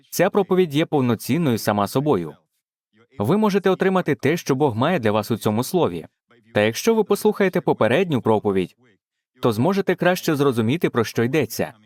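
A man's voice: medium pitch, a little mellow, no echo. A man preaching a dubbed sermon in a fervent way, with frequent exclamations of praise.

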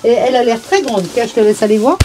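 Inside a camper van, a woman with a slightly high voice talks fast over music, touring the vehicle for her vlog. She's cheerful and chatty, listing its features in small words as casual walkthrough commentary.

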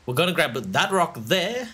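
A man's voice: a little high, sharp tone, slightly rough. A man giving let's play commentary, talking to himself as he plays, with frequent exclamations and laughter. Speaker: gaming channel host.

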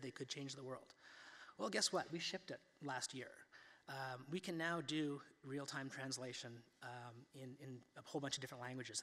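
A man's voice: mid-range voice, pushed and bright, long reverb tail. A man in his fifties giving a conversational keynote talk at a lectern, with many fillers and restarts. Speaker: keynote speaker. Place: large auditorium, standing at a lectern. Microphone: lectern microphone.

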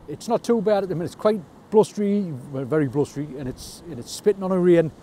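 An expressive, mellow, high-pitched man from North East England talks fast while fishing from rocks at night through wind and rain. His casual vlog narration is chatty and self-deprecating with understated humour, and the outdoor camera audio has faint wind in it.

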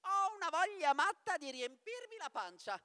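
A man voicing a boastful, greedy, lovelorn male bird-catcher in a fairy tale read aloud, in a shrill, whiny, excitable manner. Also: moderate pace, no echo, studio quality, big-room sound, heavily acted. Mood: cheerful.

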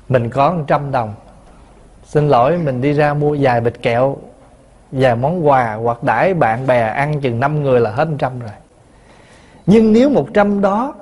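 Monk giving a dharma talk. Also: male voice, a little high, darkish tone, slightly rough. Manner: storytelling, asks the listeners questions, chuckles. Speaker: Buddhist monk teacher.

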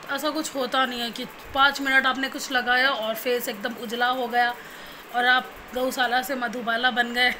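In a casual vlog recorded at home against a noisy background, a young woman who recently became a mother chats with viewers and advises them plainly, sometimes cooing to her baby. Her voice is fairly high with little pitch movement, at a normal speed.

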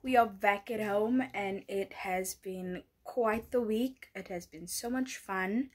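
A woman's voice: mid-range voice, slow pace, rough recording. A young woman, chatting casually and slangily in a travel vlog, sometimes dropping to a whisper. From South Africa. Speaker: vlogger. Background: background music.

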